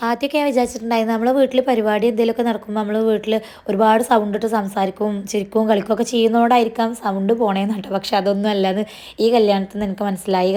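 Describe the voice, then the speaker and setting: A woman's voice: mid-range voice, mellow. A woman narrating her shopping vlog in a chatty voice-over, her voice a little strained. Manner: chatty, sprinkles tag particles, talks fast. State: voice strained after losing it. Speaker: vlogger.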